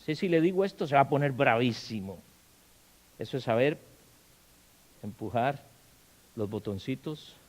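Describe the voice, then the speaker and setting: A man preaching a sermon in a church, firing questions at the congregation and acting out quarrels in loud bursts. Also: mid-range voice, lively intonation, unhurried, long pauses, rough recording. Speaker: pastor. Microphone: handheld or stand mic.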